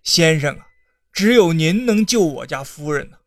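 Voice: mid-range voice, expressive, moderate pace, dry recording, pitched below the performer's own voice, close to an everyday voice. A narrator voicing a wheedling old county secretary. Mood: pleading. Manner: persuasive, tearful, sudden outbursts. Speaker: con man posing as secretary.

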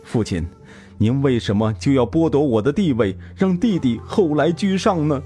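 A man's voice: medium pitch, expressive, moderate pace, mellow, soft background music, voice pushed up, natural voice. A man voicing a panicked young prince who sobs and pleads with his father. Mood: protesting. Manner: sobbing, pleading.

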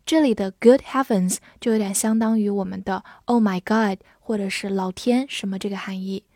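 A woman teaching English vocabulary, spelling words letter by letter and repeating them slowly for learners. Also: mid-range voice, dark tone, no room sound, studio quality. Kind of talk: vocabulary lesson.

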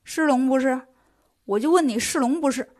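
A woman's voice: sits high, moderate pace, a little mellow, lightly acted. Lady doing a fussy monk guy, nagging, petulant, storybook. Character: fussy grumbling male monk master.

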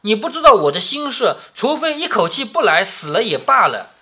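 A man's voice: high-pitched, sing-song, fairly quick, pushed and bright, slightly rough, pitched above the performer's own voice, exaggerated voice. A man reading aloud the lines of a humble, embarrassed young maid, in a protesting, flustered manner.

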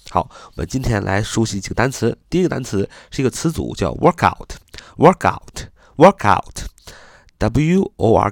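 A man's voice: on the low side, no echo. A male teacher drills English vocabulary, saying each word several times and spelling it letter by letter. His voice rises and falls a lot as he teaches. The recording is dry, with no room sound. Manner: repeats words over and over, spells letters out slowly. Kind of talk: lesson, reading and spelling words slowly.

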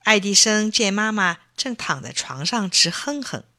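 An older woman in her sixties tells a children's story at an unhurried pace. Her voice is bright and lively, rising and falling expressively. The recording is close and dry. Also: medium pitch, no room sound. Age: 60s. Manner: slow, expressive reading.

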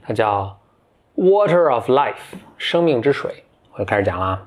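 A man's voice: mid-range voice, big pitch swings, normal speed. A man, a podcast host telling a fairy tale in a casual, chatty way. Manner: chatty, with many fillers and restarts. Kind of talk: casual storytelling.

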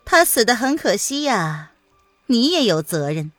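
A woman's voice: a little high, big pitch swings, unhurried, a bit bright, dry recording, soft background music, voice pushed up, full character voice. A woman doing a sly taunting poisoner lady. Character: cold scheming poisoner lady, mocking. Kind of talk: audiobook character voice.

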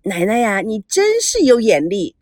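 A woman's voice: on the high side, huge pitch swings, normal speed, a little mellow, no echo, clean studio sound. A woman doing a sugary, scheming flirt. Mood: boastful. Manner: sweet, coy, teasing.

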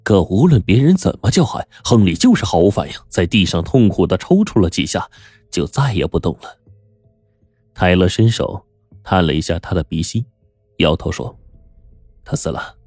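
A male storyteller narrating a mystery tale in a lively, expressive way. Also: sits low, moderate pace, slightly rough, dry recording. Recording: dry studio voice over faint music.

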